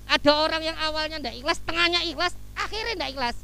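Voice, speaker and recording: A man preaching a lively sermon, acting out little scenes as he tells stories. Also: very high-pitched, fast talker, gravelly, rough recording. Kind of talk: lively sermon with Javanese asides. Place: office hall.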